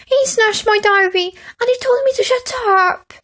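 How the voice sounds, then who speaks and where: A woman's voice: very high voice, lively intonation, moderate pace, fairly bright tone, pitched above the performer's own voice, heavily acted. A woman voicing a prim, whining little boy who tattles to his mother, in a storybook reading. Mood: wailing. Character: whiny tattling little boy, goody-goody younger brother.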